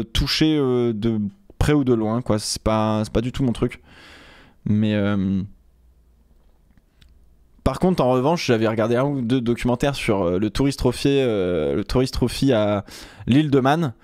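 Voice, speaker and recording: A man's voice: mid-range voice, moderate pace, a little mellow, smooth, dry recording. Rambling male streamer, dry mic. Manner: rambling, hesitant, many fillers and restarts. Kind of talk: casual live-stream chat.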